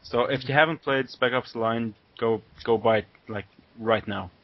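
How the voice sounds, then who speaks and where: A man's voice: medium pitch, normal speed. A man co-hosting a podcast in casual chat, enthusiastic and laughing often. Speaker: podcast co-host. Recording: muffled lo-fi audio.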